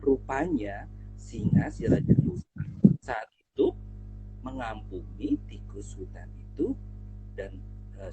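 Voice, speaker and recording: A man's voice: medium pitch, vocal fry, rough recording. A man telling a children's fable expressively, speaking straight to young listeners. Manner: expressive, addressing children directly. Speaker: storyteller. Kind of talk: children's storytelling.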